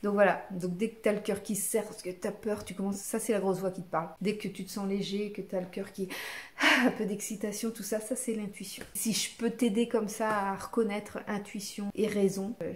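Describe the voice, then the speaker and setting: A woman vlogger talking casually to the camera and giving advice, lively, with many fillers, acting out inner voices now and then. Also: mid-range voice. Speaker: self-development vlogger.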